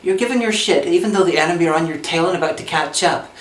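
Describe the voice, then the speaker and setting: A comedy film review host delivers scripted commentary in a sarcastic, theatrical, mock-imperious manner. His voice is mid-range and quick. There's a roomy echo and faint background noise.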